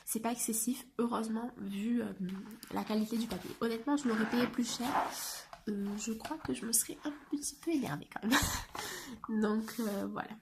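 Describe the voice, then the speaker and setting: A woman reviewing a coloring book in a soft, often half-whispered voice, hesitant and chatty. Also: on the high side, fairly quick, heavy background noise. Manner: hesitant, with frequent fillers.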